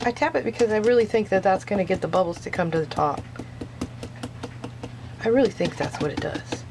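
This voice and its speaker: Casual crafting woman with a creaky voice. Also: medium pitch, animated, a little fast, background noise. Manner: chatty, musing to herself in short phrases. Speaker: soap maker narrating own craft video. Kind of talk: casual craft vlog chat, thinking aloud.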